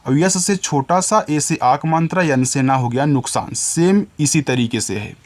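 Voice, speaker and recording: A man's voice: a little high, measured pace. A male teacher giving a spelling lesson, sounding words out letter by letter and addressing his viewers as children.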